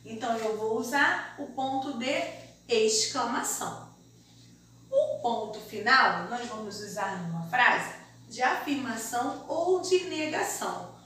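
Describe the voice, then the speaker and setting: A Brazilian woman teaching a remote lesson to young children, explaining slowly and deliberately in a sing-song way. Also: on the high side, lively intonation, a bit bright. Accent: Brazilian Portuguese. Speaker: primary school teacher. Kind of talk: remote primary school lesson. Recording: very echoey room, mic far off, faint hiss.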